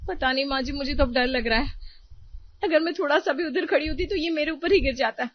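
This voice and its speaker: Woman voicing a young daughter-in-law, complaining, pleading, high voice, lo-fi sound. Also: brisk, no room sound, lightly acted. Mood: frightened. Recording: dull lo-fi recording.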